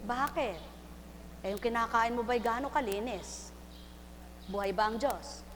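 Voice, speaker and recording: A woman preaching a live sermon, fervent and full of refrains, moving from soft confession to loud exhortation. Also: fairly high pitch, measured pace. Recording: hall reverb, faint hum.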